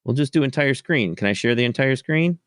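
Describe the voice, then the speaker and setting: Chatty man, lively voice, dry sound. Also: medium pitch, a little fast, clean tone, dry recording. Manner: chatty, laughs easily. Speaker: game master. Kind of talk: casual chat among players.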